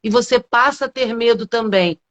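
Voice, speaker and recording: A middle-aged Brazilian woman with a slightly high voice, speaking as a public speaking coach in an explanatory way. She keeps posing rhetorical questions and checking in with quick tag questions. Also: fairly bright tone, lo-fi sound. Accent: Brazilian Portuguese. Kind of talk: explanatory talk in a live interview.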